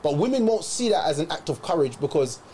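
A young man, his voice sitting a touch high for a man. He talks in heavy slang with an emphatic, lecturing push behind his points, in a casual podcast chat. A faint noise hangs under the recording. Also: big pitch swings, fast, dark tone.

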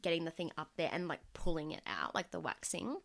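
A young woman hosting a casual podcast chat, animated and swearing freely. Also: deep voice, fairly quick, creaky. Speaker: podcast host.

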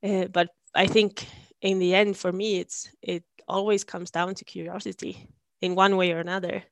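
Young woman talking slow and thoughtful, searches for words, dry close mic. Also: on the low side, flat delivery, dry recording. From Sweden. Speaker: guest, long-distance cyclist. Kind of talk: reflective interview answers.

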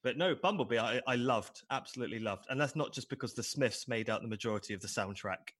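A man's voice: medium pitch, animated, fast, fairly bright tone, slightly rough, no room sound. A man co-hosting a podcast in casual chat, rambling and cynical with self-deprecating asides. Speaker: podcast co-host.

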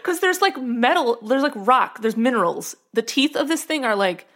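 A woman's voice: a little high, expressive, moderate pace, fairly bright tone. A woman co-hosting a podcast, reading a science article aloud in casual chat and breaking into giggles. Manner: giggly, keeps breaking into laughter; chatty with many fillers. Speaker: podcast co-host.

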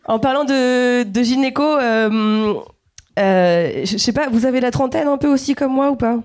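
A woman in her thirties from Guadeloupe works a comedy stage, chatting playfully with the audience during her stand-up set. Her voice sits slightly high and sounds a little mellow, and she moves at a moderate pace.

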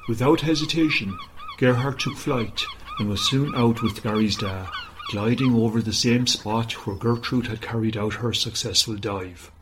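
A man narrating a children's story in a gentle, steady manner. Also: mid-range voice, moderate pace, a little hiss or hum, low-quality recording.

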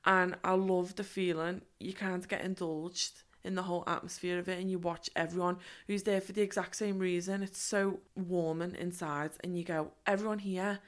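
A woman's voice: lowish voice, little pitch movement, moderate pace, few pauses. A young woman from Liverpool with a Liverpool accent, co-hosting a podcast in enthusiastic casual chat. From Liverpool, England. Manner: enthusiastic, laughs often. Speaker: podcast co-host.

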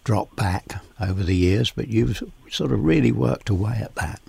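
A man hosting a podcast, chatty and relaxed, husky from a summer cold, giving practical gardening advice. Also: fairly low pitch, moderate pace. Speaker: podcast host. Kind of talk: casual gardening chat.

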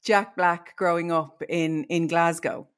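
A woman hosting an interview podcast, introducing her guest in a clear, measured way before asking questions. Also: on the low side, fairly even intonation. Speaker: podcast host. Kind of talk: scripted introduction then interview.

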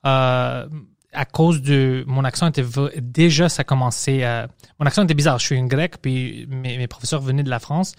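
Un homme qui anime un podcast en conversation détendue, jurant volontiers et glissant des mots anglais dans son français. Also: male voice, medium pitch, steady tone, normal speed, gravelly, no room sound, studio quality. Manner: casual, swears freely, mixes English words into his French. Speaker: podcast host. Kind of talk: casual conversation.

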